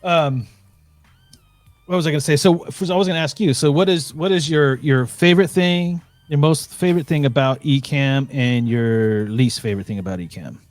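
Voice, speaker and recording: A man's voice: on the high side, normal speed, no room sound, faint music behind. A man co-hosting a live stream from his computer, bantering and teasing his partner in chatty talk full of restarts. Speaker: co-host of a live stream show. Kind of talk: casual chat. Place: home computer setup.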